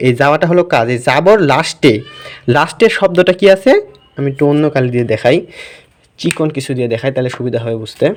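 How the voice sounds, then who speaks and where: A man teaching English grammar in a casual classroom style, asking questions and answering them himself. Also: fairly high pitch. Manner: talkative, asks and answers his own questions. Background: noisy surroundings.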